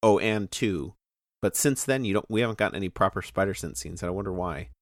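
A man's voice: deep voice, fast talker, dry recording, clean studio sound. Rambling man in casual movie chat. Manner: rambling, animated, self-interrupting. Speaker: podcast co-host.

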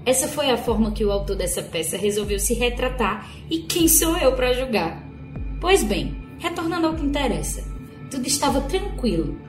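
A woman plays a theatrical clown narrator in a radio play, addressing the audience like a ringmaster. The voice sits fairly high in a very roomy space, with prominent music behind it. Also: very animated, moderate pace. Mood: grand, inviting. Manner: ringmaster-like, declamatory storytelling to the audience. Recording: roomy, echoing sound under loud music.

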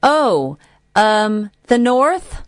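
A woman co-hosting a radio show, chatting in an animated, rambling, self-deprecating way. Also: mid-range voice, drawn-out words, dry recording, studio quality. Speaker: radio co-host. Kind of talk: casual radio chat.

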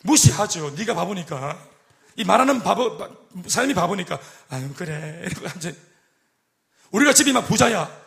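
A middle-aged man preaching a sermon as pastor, animated and joking, acting out quoted voices. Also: sits high, moderate pace, vocal fry. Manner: animated, acts out quoted voices and jokes with the congregation.

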